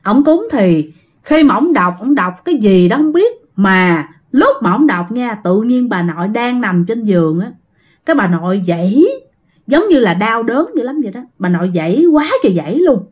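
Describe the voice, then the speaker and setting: A woman's voice: medium pitch, big pitch swings, normal speed, a little mellow, breathy edge. A woman casually telling a ghost story, chatty and addressing her listeners directly.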